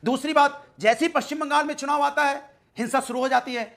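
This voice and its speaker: A man's voice: very high-pitched, steady tone, fairly quick, creaky, a bit bright. A man arguing as a panelist in a heated TV debate, emphatic and repeating his points. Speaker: political panelist.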